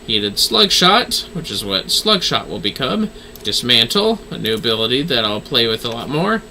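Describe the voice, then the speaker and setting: A streamer narrates his gameplay live and casually, muttering to himself and swearing freely. His mid-range voice swings widely in pitch at normal speed, with a sharp tone. Background music accompanies him, plus slight background noise.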